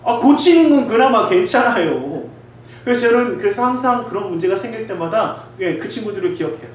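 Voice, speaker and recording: A male pastor preaching a sermon in earnest, exhorting tones, swinging between loud emphasis and quiet asides. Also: high-pitched, lively intonation, fairly quick, slight background noise. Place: church sanctuary. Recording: very echoey hall, distant mic.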